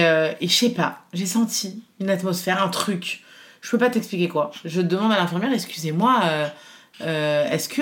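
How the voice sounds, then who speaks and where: A woman in her thirties tells a personal story in relaxed conversation. She talks in an animated way, with many fillers, and often slips into the voices of people she quotes. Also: on the low side. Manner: animated storytelling, quoting others, frequent fillers. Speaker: guest telling her birth story. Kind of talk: casual chat.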